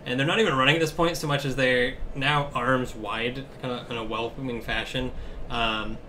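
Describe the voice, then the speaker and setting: A man narrates a tabletop game as its game master, his voice bright and forceful. He talks loosely and swears casually, often breaking into laughter. Faint room ambience sits behind him. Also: medium pitch, fairly even intonation, normal speed, slight background noise.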